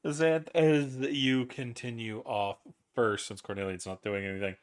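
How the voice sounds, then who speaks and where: A man's voice: medium pitch, fairly even intonation, measured pace. A man narrating a tabletop role-playing game as its game master.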